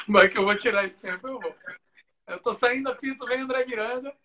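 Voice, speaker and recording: Chatty man with a high, bright voice. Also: measured pace. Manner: chatty, fills talk with "cara" and "né". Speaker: show jumping rider, interview guest. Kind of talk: casual storytelling in a live interview.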